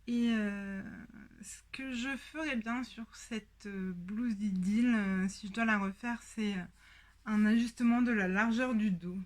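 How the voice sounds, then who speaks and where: Hesitant French woman, unhurried show-and-tell host, moves on and off mic. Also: mid-range voice, fairly even intonation, darkish tone. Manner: hesitant, many pauses and fillers. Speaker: sewing podcast host.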